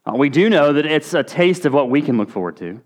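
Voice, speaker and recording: A man's voice: on the high side, very animated, a little fast. A man preaching a conversational sermon, now and then acting out short quotes. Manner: conversational, with brief acted-out quotes. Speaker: pastor.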